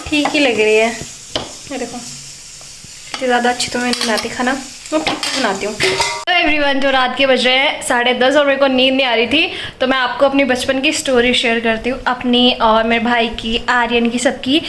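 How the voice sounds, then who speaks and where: Young woman, home vlogger, high bright voice, giggly storyteller, echoey room, faint hiss. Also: fairly even intonation, moderate pace. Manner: giggly, chatty, breaks into laughter telling stories. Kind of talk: casual vlog chat and storytelling. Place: home, kitchen.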